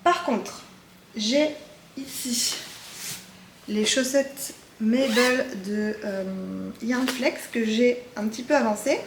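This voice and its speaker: Woman, casual vlogger, a bit high-pitched, chatty and hesitant, roomy echo on the recording. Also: takes it slowly, a little hiss or hum. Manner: chatty, hesitant with frequent fillers. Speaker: knitting vlogger. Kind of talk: casual show-and-tell chat.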